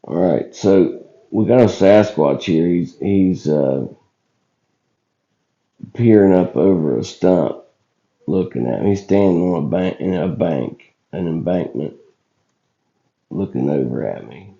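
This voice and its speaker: On a dull, lo-fi recording, a channel host offers relaxed commentary over footage. His voice is low, warm, rough and scratchy, hoarse from an illness he's getting over, and he talks in a halting, folksy, colloquial manner.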